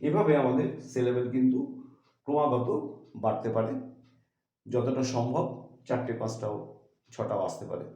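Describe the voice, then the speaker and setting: Bengali guy teaching english grammar, halting and slow, dark voice, really echoey room. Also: mid-range voice. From India. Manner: slow, halting explanation, slows further when reading English. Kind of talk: lesson.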